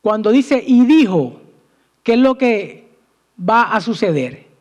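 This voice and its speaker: Slow, high-voiced man preaching. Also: expressive, lo-fi sound. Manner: asks the congregation questions and answers them himself; slow, emphatic delivery with sudden rises and drops in pitch and loudness. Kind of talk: sermon.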